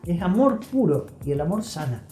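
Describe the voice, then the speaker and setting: An Argentine man who is a health professional speaks as an interview guest in a soft, mellow, high-pitched voice with big pitch swings, at a moderate pace. He explains and advises conversationally and emphatically, repeating phrases to drive points home. The room echoes audibly, and music plays behind him.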